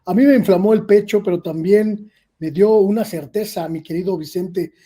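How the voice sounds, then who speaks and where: A man, a guest journalist giving measured, emphatic political commentary with filler pauses. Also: sits high, mellow, slightly rough. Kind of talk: political commentary in an online interview.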